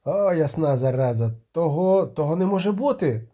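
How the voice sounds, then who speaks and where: A man reading an audiobook, voicing a gruff, coarse dragon hunter who shouts and curses. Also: a little high, animated, normal speed. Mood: rough, shouting.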